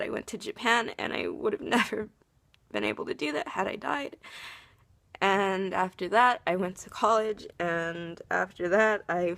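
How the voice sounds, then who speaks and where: A woman's voice: mid-range voice, vocal fry, fairly bright tone, no room sound. A young woman vlogger speaking tearfully in an earnest, heartfelt confessional. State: tearful, crying. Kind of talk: confessional personal vlog.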